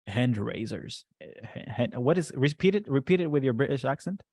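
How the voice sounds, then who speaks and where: A man's voice: medium pitch, lively intonation, fast talker, darkish tone, no echo, studio quality. A man coaching a group in a casual workshop talk. He speaks loosely, with many fillers and frequent "right?" checks. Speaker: business coach presenting to a group. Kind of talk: casual workshop presentation with screen share.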